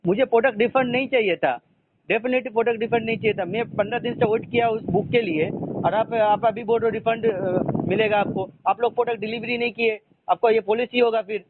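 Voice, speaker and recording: A man's voice: high-pitched, steady tone, fairly quick. A man calling customer support, frustrated and insistent, repeating himself as he complains. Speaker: customer caller. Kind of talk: phone complaint call. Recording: tinny phone line with faint noise.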